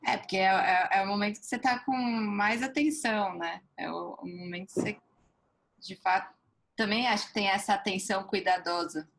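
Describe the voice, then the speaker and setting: A Brazilian woman hosts an interview in a breathy voice. She talks in a thoughtful way and agrees with her guest. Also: mid-range voice, normal speed, fairly bright tone, poor audio. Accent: Brazilian Portuguese. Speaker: host. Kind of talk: casual interview chat.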